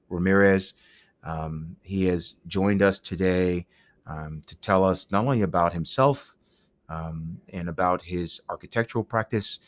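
Deep-voiced male podcast host. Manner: steady, affirming listener, frequent fillers. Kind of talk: podcast interview.

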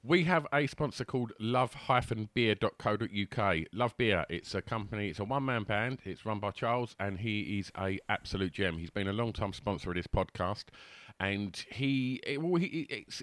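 Deep-voiced, rambling man. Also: moderate pace, fairly bright tone, no room sound. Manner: rambling, hesitant, jokey. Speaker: podcast co-host. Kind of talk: casual podcast chat.

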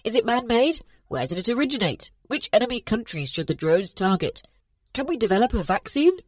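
A woman voicing stern uniformed officials on a video screen, with a metallic sound and demanding, rapid-fire questions. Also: fairly high pitch, sing-song, darkish tone, dry recording, clean studio sound, voice pushed up.

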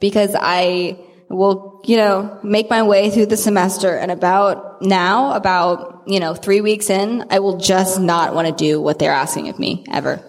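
A woman's voice: mid-range voice, fairly even intonation, a little slow, hardly any pauses. A woman in her twenties, an architecture student on a panel, speaking casually and frankly. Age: 20s. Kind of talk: live panel discussion. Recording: long hall reverb.

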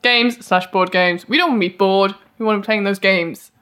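A woman's voice: medium pitch, a little fast, fairly bright tone. A woman co-hosting a podcast in casual chat, rambling with self-mocking asides. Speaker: podcast co-host. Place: live event venue.

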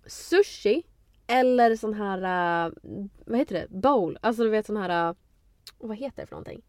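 A woman co-hosting a casual podcast chat over a phone call, speaking in an animated, outspoken way and swearing for emphasis. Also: on the high side, no room sound, clean studio sound. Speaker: podcast co-host. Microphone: phone on a call with a poor connection.

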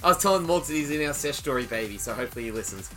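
A man's voice: medium pitch, lively intonation, rapid-fire, a crowd in the background. A man co-hosting a podcast, teasing his friend and speaking to listeners in casual chat. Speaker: podcast co-host.

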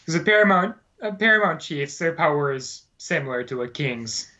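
A former Peace Corps volunteer, appearing as a guest on a casual podcast, recounts his experiences at length in a slightly high, expressive, sharp-toned voice at moderate pace. He rambles with frequent fillers and self-corrections, and the lo-fi audio is dull.

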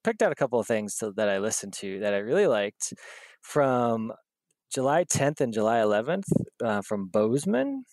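A man's voice: mid-range voice, very animated, normal speed, darkish tone, dry recording. A man hosting a podcast in a rambling, casual chat full of fillers and laughs. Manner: rambling and chatty, many fillers, laughs often. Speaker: podcast host.

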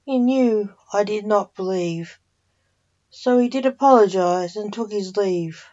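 A woman podcast host and poet narrating her own rhyming horror story in a slow, measured read. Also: mid-range voice, warm tone. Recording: dull lo-fi.

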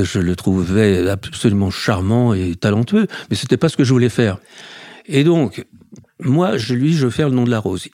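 An older man, a film director guest, telling anecdotes lively in a podcast interview, acting out the people he quotes between frequent hesitations. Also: medium pitch, dry recording, clean studio sound.

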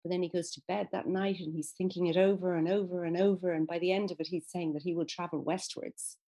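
A woman with a low, dark voice talks quickly and with a steady tone as a guest in a conversational interview about literature. She is a literature expert who explains at length, thinking aloud with many fillers and restarts.

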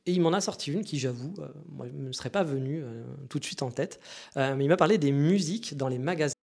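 A man's voice: fairly high pitch, fast talker, a little mellow. A man hosting a casual monologue, chatty and meandering, with frequent asides to his listeners. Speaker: podcast host.

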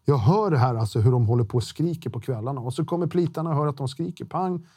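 A middle-aged man appears as a podcast guest in casual interview talk, blunt and slangy, swearing freely and often restarting his sentences. His medium-pitched voice is dark and husky. The recording has clean studio sound with no echo.

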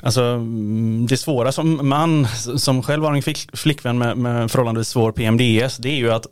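A man's voice: medium pitch, smooth, dry recording, clean studio sound. A man co-hosting a podcast, explaining health topics hesitantly in casual chat. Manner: hesitant, many restarts and fillers, explanatory. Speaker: podcast co-host, health expert.

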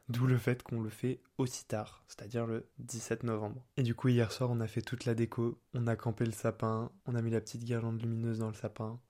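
A man's voice: mid-range voice, warm tone. A young man hosting a casual solo podcast, chatty and playful, using slang and laughing often. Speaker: podcast host. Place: apartment.

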